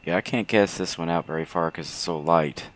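Hoarse guy doing casual gaming commentary, deep low voice, no rush at all. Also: slight background noise. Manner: low, unhurried delivery. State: hoarse from throat trouble. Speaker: gaming video host.

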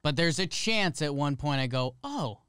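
Man, comedy podcast co-host, playful teasing banter, very clear voice, dry studio sound. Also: a little high, fairly bright tone, dry recording. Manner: playful, teasing, quick to riff.

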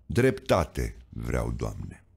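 A man's voice: lowish voice, sing-song, darkish tone, voice pushed up. A man voicing a stubborn, plainspoken old coal miner who pleads his case with earnest defiance.

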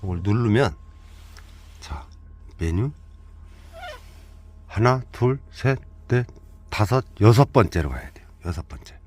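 A man's voice: on the low side, animated, slow pace, long pauses, darkish tone. A man giving a joking, chatty hands-on walkthrough of a camper van, counting steps aloud as he goes. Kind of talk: casual hands-on product walkthrough.

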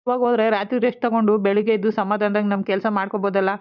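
A woman playing a curt young husband and son who brushes people off with quick, brusque retorts, for an amateur family skit. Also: medium pitch, flat delivery, close to an everyday voice. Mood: dismissive. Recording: slightly dull lo-fi sound.

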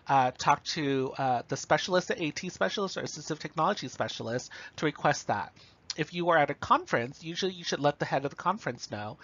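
In a slightly muffled, lo-fi recording, a man with a somewhat higher voice gives a lecture, laying out each point plainly and checking in with "okay" and "right." His tone is a bit bright.

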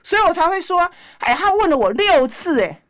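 This woman speaks with a high voice that swoops up and down as she argues. She is indignant and emphatic, hammering her points with rhetorical questions like a guest legislator on a political talk show. Her delivery is heated and lively. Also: a little fast.

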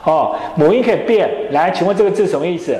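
Male teacher, quizzing his class in call-and-response, a bit higher-pitched, echoey room sound. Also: lively intonation, mellow. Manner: drills students with quick questions. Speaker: English teacher. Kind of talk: classroom lecture.

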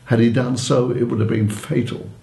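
A man's voice: medium pitch, steady tone, normal speed, vocal fry, dark tone, echoey room, low-quality recording. A man in his eighties giving an earnest, heartfelt personal faith testimony. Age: 80s.

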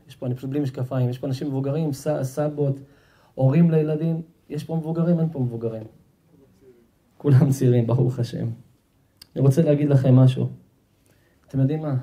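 A man, a rabbi, giving an emphatic sermon to guests at a house-warming gathering, often repeating himself and speaking straight to the crowd. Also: medium pitch. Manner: emphatic, repeats himself, talks directly to the audience. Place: home gathering with an audience.

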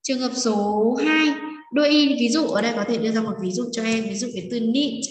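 A woman teacher walks through a lesson in a patient, step-by-step way, often checking in with her students. Her voice sits a little high and sounds set back from the mic. A roomy space with a long reverb trails after her words. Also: brisk, faint music behind. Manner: patient, step-by-step explaining with frequent check-ins. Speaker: English teacher. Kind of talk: recorded classroom lesson explanation. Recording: echoey room, long reverb, voice distant from mic.

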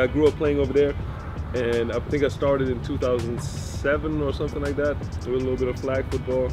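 A young man talking casually outdoors by a grill, switching between German and English in a relaxed way. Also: mid-range voice. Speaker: vlog host, football player. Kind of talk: casual chat.

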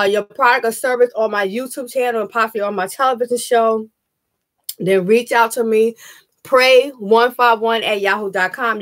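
A woman's voice: mid-range voice, fairly bright tone. A woman pastor giving an earnest sermon with frequent amens, her throat slightly scratchy. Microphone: webcam. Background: music.

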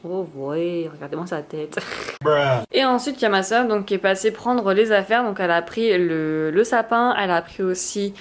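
A woman's voice: mid-range voice, lively intonation, normal speed, slight background noise. A young woman from France chatting casually in a vlog, with lots of fillers and restarts. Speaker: vlogger.

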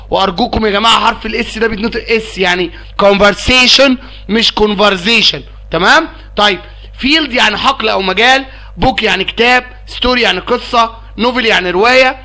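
Egyptian guy teaching grammar, high bright voice, keeps asking if everyone got it. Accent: Egyptian Arabic. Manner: energetic, coaxing students, repeats checks like "got it?". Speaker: English teacher. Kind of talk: recorded grammar lesson.

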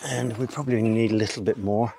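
An older man works on his outdoor allotment for a casual gardening vlog, explaining each step as he goes. His voice is on the low side, steady, fairly quick, creaky and dark, picked up by a distant tripod-mounted camera mic with slight background noise.

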